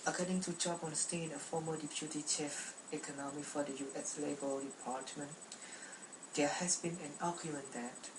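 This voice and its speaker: A woman's voice: sits low, fairly even intonation, normal speed, echoey room, recorded from a distance, noisy background. A young woman from Cambodia giving a prepared class speech, speaking carefully with frequent restarts and repeated words.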